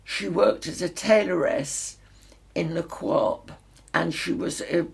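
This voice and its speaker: Very old woman, nineties, mixed Lancashire accent. Gravelly, husky voice, recalling her life in conversation. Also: fairly low pitch, slow pace. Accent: mixed Northern English, Lancashire. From Salford, north of England. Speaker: interview guest. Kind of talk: reminiscing life story in conversation.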